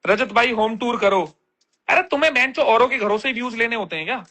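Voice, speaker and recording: A man's voice: very high-pitched, fast talker, bright, forceful tone. A man on a casual livestream, reading viewer comments aloud and answering them bluntly with plenty of slang.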